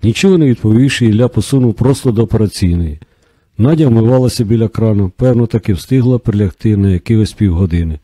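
A man narrating an audiobook in a steady, measured reading. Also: fairly low pitch, no room sound. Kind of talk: scripted narration.

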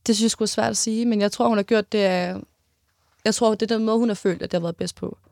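A woman in her twenties telling a personal story in an interview, halting, with many restarts and pauses. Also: medium pitch, steady tone, vocal fry, darkish tone, no echo, studio quality.

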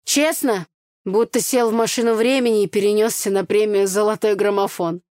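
A woman's voice: medium pitch, fairly even intonation, moderate pace, a little mellow, clean tone, dry recording, natural voice. A woman voicing a reserved young man who answers dryly, in a storybook reading. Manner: dry, reserved. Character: shy aloof young man.

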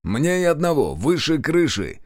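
A man voicing an eager, excitable partisan soldier in wartime. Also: fairly high pitch, moderate pace, no room sound, clean studio sound, pitched above the performer's own voice. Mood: excited. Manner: exclaiming, excitable.

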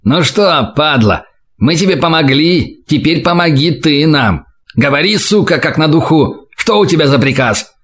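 A man's voice: fairly high pitch, animated, moderate pace, fairly bright tone. A man voicing a cruel male hunter with a sneering, menacing manner in an audiobook. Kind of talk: audiobook character voice.

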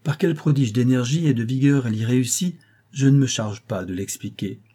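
A man reading a classic novella aloud in a measured, dramatic storytelling manner. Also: medium pitch, mellow, husky. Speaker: narrator.

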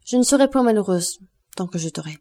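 A woman voicing a grieving, dignified noble mother who speaks softly and sorrowfully, in an audiobook reading. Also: mid-range voice, expressive, fast. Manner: soft, sorrowful, quiet.

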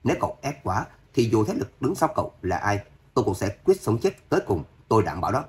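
A man's voice: fairly low pitch, very animated, fast, a little mellow. A man voicing a stern, scheming elderly family matriarch in an audio story, resolute and threatening. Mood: defiant threat.

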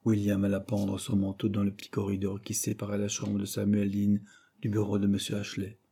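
Dark-voiced man reading an audiobook. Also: lowish voice, completely flat delivery, a little fast, husky. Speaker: audiobook reader. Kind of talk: audiobook narration.

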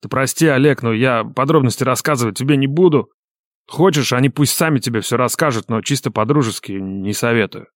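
Man voicing a gruff tough guy, blunt, tired, audiobook. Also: medium pitch, a little fast, no room sound, clean studio sound, lightly acted. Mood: confiding. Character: gruff tough male friend, weary.

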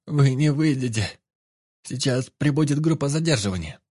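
A man's voice: medium pitch, animated, normal speed, mellow, dry recording, studio quality, voice pushed up, natural voice. A man voicing a frightened but stubborn female scientist held hostage, with a strained, nasal voice. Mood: pleading defiant.

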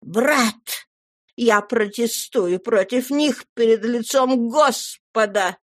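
Woman doing a frail old uncle in slow wrath. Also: fairly high pitch, no room sound, studio quality, pitched above the performer's own voice. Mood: solemn fury. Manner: slow, solemn, thundering protest. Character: frail old man, fierce in sudden wrath.

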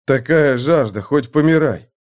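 A man's voice: medium pitch, a little slow, a little mellow, natural voice. A man voicing frightened common archers in an audiobook, pleading timidly with their lord. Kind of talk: audiobook character voice.

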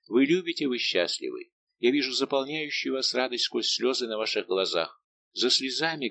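A man's voice: mid-range voice, gravelly, pushed and bright, no echo, exaggerated voice. Brief: a male narrator voicing a proud heartbroken nobleman, impassioned and grave. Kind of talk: audiobook dialogue reading.

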